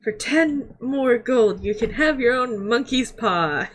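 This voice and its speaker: A woman voicing a hurried male traveling merchant in a tabletop game, pushing a sale before rushing off. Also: fairly high pitch, expressive. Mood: salesy. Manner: salesy, hurried sign-off.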